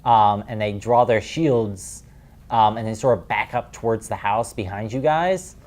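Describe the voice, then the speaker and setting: A man's voice: fairly low pitch, measured pace, darkish tone. A man narrating a tabletop game as game master, describing scenes in a rambling way with many fillers.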